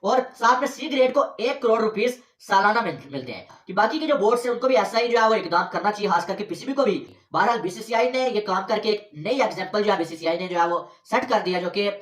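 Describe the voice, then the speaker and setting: A woman's voice: mid-range voice, expressive, fairly quick, hardly any pauses, roomy sound, distant mic. A woman presenting a cricket news report, explaining it in a conversational way.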